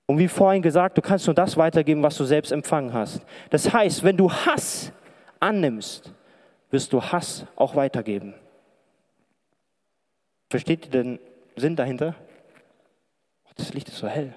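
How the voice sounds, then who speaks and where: A man's voice: fairly high pitch, measured pace, pauses often, a little mellow. A male preacher giving a conversational sermon from a lit stage, asking his listeners many questions. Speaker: preacher and pastoral counselor. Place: lit stage before an audience in a large hall. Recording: long hall reverb.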